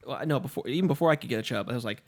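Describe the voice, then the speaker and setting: Male co-host, average pitch, rambling jokey banter, chewing on mic. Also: lively intonation, racing, darkish tone. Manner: rambling, joking, eats while talking. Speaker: podcast co-host. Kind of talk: casual chat. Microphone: studio microphone.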